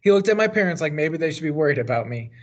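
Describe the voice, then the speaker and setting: Reading a children's novel aloud the way a teacher would, an American man stresses the beginnings of phrases and lets the endings fall. His voice is fairly high-pitched, very animated and very fast, and the sound is dull and lo-fi.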